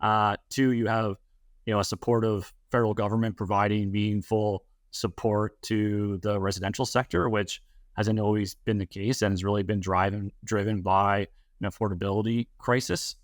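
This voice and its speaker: A man's voice: lowish voice, little pitch movement, normal speed, dry recording, studio quality. A Canadian man, a real estate advisor answering interview questions, speaking in a hesitant way with many fillers and restarts.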